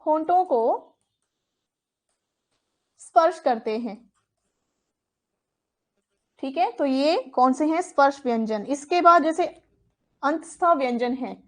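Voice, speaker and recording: A woman's voice: high-pitched, animated, slow pace, long pauses. A woman teaching a Hindi grammar lesson for exam coaching. She repeats terms and asks questions, then answers them herself.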